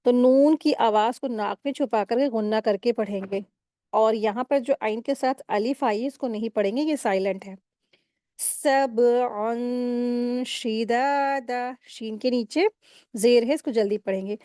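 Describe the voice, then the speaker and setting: A woman teaches the rules of Quran recitation in a step-by-step tajweed lesson, patiently explaining and pausing to recite words slowly. Her voice is a little high and warm, recorded in studio quality with no echo.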